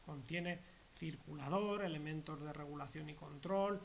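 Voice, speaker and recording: Methodical instructor, higher-pitched man. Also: moderate pace, gravelly, a little hiss or hum. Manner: methodical, repeats and rephrases terms, frequent "pues" and "etcétera". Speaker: heating course instructor. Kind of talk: technical lecture.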